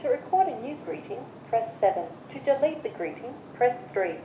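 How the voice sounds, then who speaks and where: A woman's voice: on the high side, sing-song, warm tone. Woman's automated voicemail prompts via speakerphone. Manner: measured, evenly spaced instructions. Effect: voicemail system voice heard through a phone speaker. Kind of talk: recorded menu prompts. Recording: muffled, echoey phone speaker with hiss.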